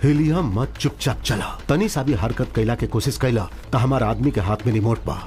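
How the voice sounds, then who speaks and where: A man's voice: mid-range voice, moderate pace, a little mellow, natural voice. An amateur actor playing a cruel, mocking male gang boss who taunts and threatens. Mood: gloating. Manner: taunting, gloating. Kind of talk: amateur spoof film acting. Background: background music.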